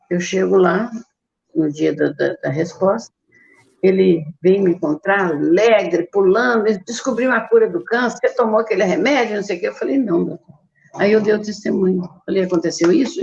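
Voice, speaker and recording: An older woman with a Brazilian Portuguese accent tells a personal testimony in a heavily gravelly voice. She speaks at a middling pitch and acts out her own quoted words as she goes. The sound is dull and lo-fi. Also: normal speed, darkish tone. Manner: storytelling with acted quotes of herself. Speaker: guest giving testimony.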